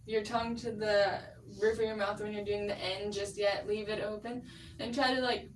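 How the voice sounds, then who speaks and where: A woman's voice: medium pitch, little pitch movement, moderate pace, a little hiss or hum. A young adult woman, a vocal coach, patiently explaining singing technique with casual fillers. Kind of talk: singing lesson instruction. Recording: roomy, distant mic, faint music.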